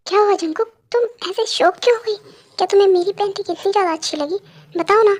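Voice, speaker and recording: A woman's voice: extremely high pitch, fast talker, soft background music. A woman voicing a playful but easily offended young woman in a fan dub. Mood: pouting.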